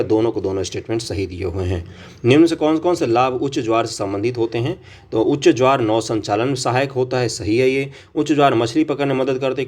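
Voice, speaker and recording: A man's voice: medium pitch, mellow. A male coaching teacher who reads out quiz questions and explains the answers, often asking a question and answering it himself. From India.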